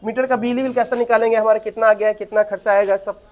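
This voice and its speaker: A man's voice sits high, with fairly even intonation, as he teaches physics. He quizzes the students and supplies the answers himself, dictating notes slowly and repeating them many times.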